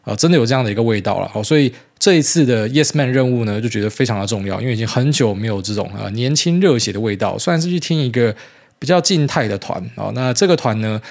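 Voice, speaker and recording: A man's voice: medium pitch, animated, fast talker, vocal fry, darkish tone. A man in his thirties with a Taiwanese Mandarin accent, hosting a casual solo podcast in a rambling, blunt way with mild swearing. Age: 30s. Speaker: podcast host.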